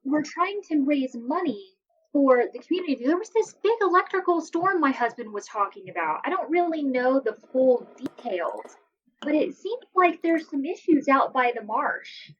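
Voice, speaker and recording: A woman's voice: sits high, sing-song, normal speed, lo-fi sound, a little hiss or hum. A woman playing an earnest housewife in a tabletop game, talking persuasively. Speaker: player voicing a housewife. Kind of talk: in-character role-play.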